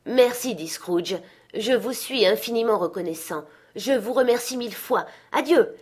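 A woman's voice: a little high, lively intonation, moderate pace, darkish tone, slightly rough, voice pushed up. A woman voicing Scrooge, a joyful old man, reading his lines with cheerful eagerness in a storybook reading. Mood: eager.

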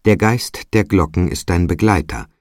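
A man voicing a chorus of dark ghostly shadow figures in an audiobook, speaking gravely and ominously. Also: sits low, normal speed, no room sound, studio quality, natural voice. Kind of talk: audiobook character voice.

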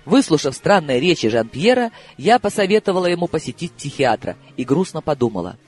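A man narrating an audiobook in a measured, expressive reading style. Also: on the high side, breathy edge, faint music behind. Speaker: audiobook reader.

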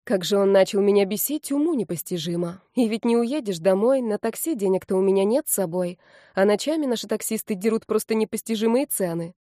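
A woman narrating a novel as an audiobook in a lively first-person storytelling manner. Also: mid-range voice, fairly quick, dry recording, studio quality.

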